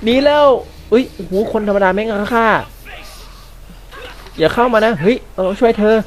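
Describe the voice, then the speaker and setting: A man's voice: sits high, normal speed. A man commenting live as he plays a video game, exclaiming and swearing at what happens on screen. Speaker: gamer. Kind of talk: let's play commentary.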